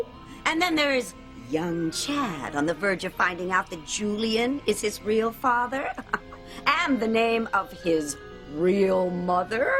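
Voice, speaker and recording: A cackling witch trapped in a bottle. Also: fairly high pitch. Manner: cackling, scheming, theatrical. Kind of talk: TV soap opera acting.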